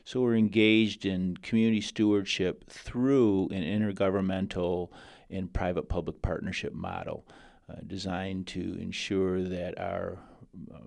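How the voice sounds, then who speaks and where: A man explains things as an interview guest, choosing measured, formal words. His voice is deep and gravelly, recorded dry. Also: level tone, a little mellow, no echo. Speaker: interview guest, general manager.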